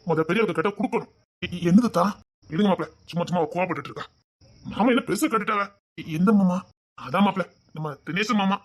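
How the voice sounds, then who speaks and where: A man with a Tirunelveli Tamil accent performing a comic family sketch, trading teasing banter between relatives. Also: quick pace. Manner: teasing banter, jumping between high and hushed lines.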